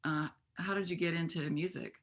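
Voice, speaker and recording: A woman festival organizer speaking calmly on a discussion panel over a video call, stopping to restart her sentences. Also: lowish voice. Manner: calm, measured, many restarts.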